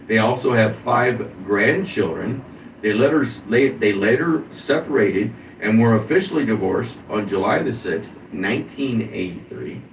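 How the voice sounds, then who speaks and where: A man's voice: fairly low pitch, animated, unhurried. A man, hosting a casual wrestling podcast, reading through a wrestler's career with offhand asides. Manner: reads a career recap with asides. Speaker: podcast host. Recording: dull, roomy, distant mic with hiss.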